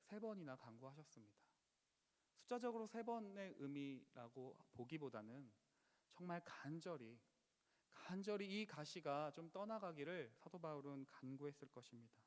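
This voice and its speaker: A man preaches a Friday prayer sermon in a church sanctuary, his slightly high voice full of lively intonation at normal speed. He is earnest and pleading, occasionally rising into impassioned outcries, and a long church-hall reverb surrounds him.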